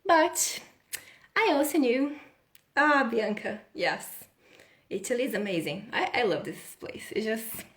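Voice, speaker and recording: This woman's voice sits on the high side, sounding fairly bright and animated while staying unhurried. She's a healing coach from Brazil in her thirties, talking informally on a live video with frequent laughter and restarted sentences.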